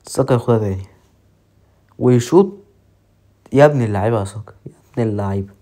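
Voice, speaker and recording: A man with an Egyptian accent commentating his own football game match with excited, joking play-by-play. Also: fairly low pitch, fast talker. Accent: Egyptian Arabic. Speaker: mobile football gamer.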